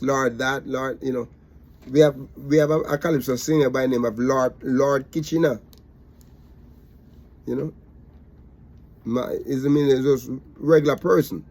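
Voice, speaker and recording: A man's voice: medium pitch, darkish tone. A man teaching a Bible study, repetitive and emphatic, with many fillers.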